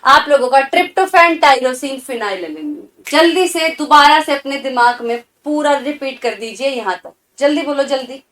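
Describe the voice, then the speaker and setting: Brief: high-pitched female teacher, call-and-response drill, urging, encouraging. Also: normal speed, few pauses, fairly bright tone. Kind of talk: exam-prep lecture with drill.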